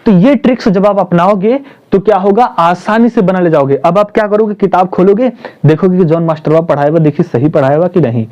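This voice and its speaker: High-voiced man teaching grammar. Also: mellow. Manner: repeats points, asks and answers his own questions; spells out terms slowly, stresses syllables. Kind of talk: Hindi classroom-style grammar lesson. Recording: dull lo-fi recording.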